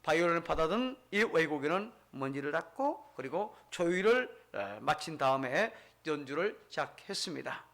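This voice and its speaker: A high-voiced middle-aged male pastor delivering a sermon. He tells stories with building emphasis and keeps asking the congregation questions that he answers himself. His pitch sits well above most men's. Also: very animated, normal speed, vocal fry, few pauses, fairly bright tone. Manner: storytelling with rising emphasis.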